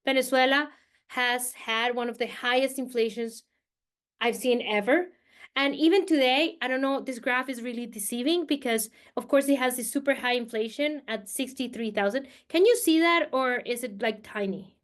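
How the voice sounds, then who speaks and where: Over a video call, a high-voiced woman from Colombia gives teachers an academic talk at a moderate pace. She's a guest speaker and political scientist whose style is conversational, sprinkled with fillers and emphatic repetition.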